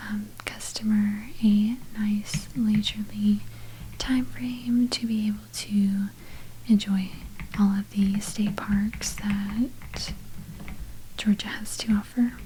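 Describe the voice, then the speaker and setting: A woman in a whispered role-play as a patient, helpful librarian, speaking in a soft, breathy library whisper with polite, unhurried manner. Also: mid-range voice, slight background noise, rough recording. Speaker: ASMR performer playing a librarian.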